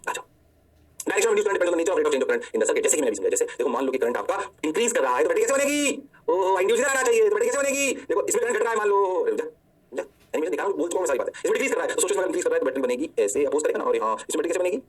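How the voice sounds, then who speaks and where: एक पुरुष भौतिकी शिक्षक, हिंदी लहजे में, खेल-खेल में खुद ही छात्र बनकर जवाब देता हुआ जोशीला लेक्चर देता है।. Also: male voice, high voice, big pitch swings, rapid-fire, husky, far from the mic. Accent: Hindi. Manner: playful, answers himself in a student's voice. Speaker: physics teacher. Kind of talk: energetic lecture.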